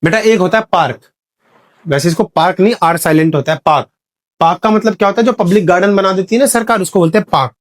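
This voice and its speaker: In a classroom lecture, a man with a fairly high voice teaches English vocabulary to a Hindi-speaking class. He constantly questions the students, calls them "beta" and asks "clear hai?" to check they're following. For example sentences, he shifts into slow, careful English.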